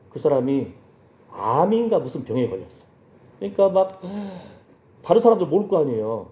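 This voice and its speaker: Storytelling Korean pastor in an echoey hall. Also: male voice, fairly high pitch, mellow. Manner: storytelling, acts out voices in dialogue, checks in with the congregation. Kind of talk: sermon. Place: church sanctuary. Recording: echoey church hall, dull lo-fi sound.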